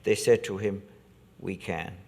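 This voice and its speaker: A priest reading the gospel and preaching a homily in a measured, deliberate liturgical manner, his voice carried by a cathedral-like church echo. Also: low-pitched, steady tone, warm tone, husky. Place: large church. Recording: long church reverb.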